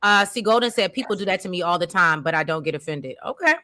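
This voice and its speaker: Co-hosting a casual recap show, a woman reads viewer comments aloud and chimes in agreeably with quick affirmations. Her voice is lowish, expressive, bright and forceful.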